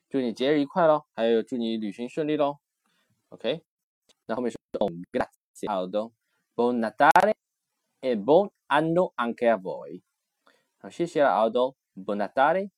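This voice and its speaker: A man explaining a textbook lesson as a language teacher, in a loose, conversational way with many fillers, slowly repeating words to drill pronunciation. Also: on the low side, a little mellow, dry recording, clean studio sound.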